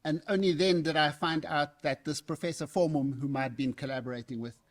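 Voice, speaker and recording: A man's voice: on the high side, fairly even intonation, a little fast. Man giving a reflective formal response. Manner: reflective storytelling with hesitations. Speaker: academic giving the response to a lecture.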